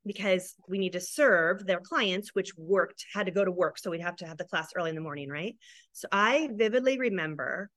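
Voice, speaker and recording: A woman in her thirties or forties from Arizona, USA, with a fairly low voice, speaks fairly quickly on a dry recording with no room sound. A guest on a casual podcast and a business coach for moms, she's warm, upbeat and enthusiastic, growing emotional and tearful as she tells how she built her business as a mother.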